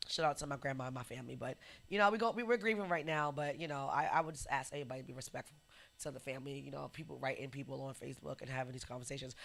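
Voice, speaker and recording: A woman hosting a radio podcast with a bright, forward voice. She talks casually and tells lively stories. She acts out the people in them and sometimes drops to a whisper for effect. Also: extremely low pitch, vocal fry. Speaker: podcast host. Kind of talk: casual chat and storytelling.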